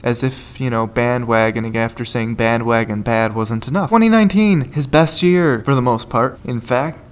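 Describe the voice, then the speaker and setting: A man's voice: medium pitch, fairly even intonation, moderate pace, muffled recording. Sarcastic, swearing commentary guy. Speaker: commentary YouTuber. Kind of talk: casual profane commentary.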